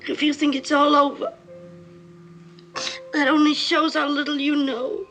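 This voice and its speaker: A woman's voice: high-pitched, little pitch movement, a bit bright, soft background music. A weeping, bitter young girl. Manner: slow, tearful and bitter. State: crying. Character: heartbroken adolescent girl, sulky and dramatic. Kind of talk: 1950s film drama.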